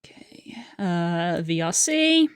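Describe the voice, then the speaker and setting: Speaking slowly in a sing-song lilt, this woman has a fairly low, clear, resonant voice. She's a streamer casually muttering her thoughts to herself while editing clips, captured in a dry, clean studio recording.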